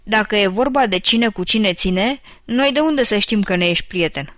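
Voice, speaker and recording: A woman's voice: medium pitch, fairly bright tone, dry recording, clean studio sound, lightly acted. A woman reading the part of a contrary young boy who doubts and challenges others. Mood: doubting. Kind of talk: audiobook character reading.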